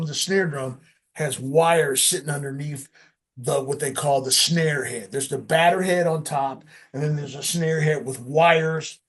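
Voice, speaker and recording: A man, a session drummer, telling studio stories in a casual interview, lively and acting out sounds with frequent laughs. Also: fairly high pitch. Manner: animated, acts out sounds and quotes, laughs often.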